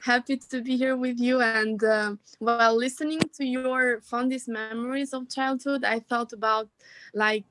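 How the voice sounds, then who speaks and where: A woman's voice: on the high side, steady tone, normal speed, background noise. A woman from Albania, chatting reflectively on a video call. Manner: reflective, soft laughs, small grammar slips. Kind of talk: casual video call chat.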